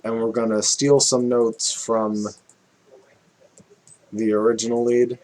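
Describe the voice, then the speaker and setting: A man's voice: mid-range voice, flat delivery, takes it slowly, darkish tone. A man casually walking through a music production tutorial, thinking aloud with fillers and small self-corrections.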